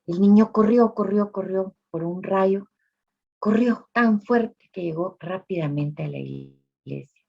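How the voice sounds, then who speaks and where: A woman telling a religious story to listeners, speaking directly to them with dramatic pauses. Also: mid-range voice, vocal fry. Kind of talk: emotional spoken storytelling. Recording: dull lo-fi recording.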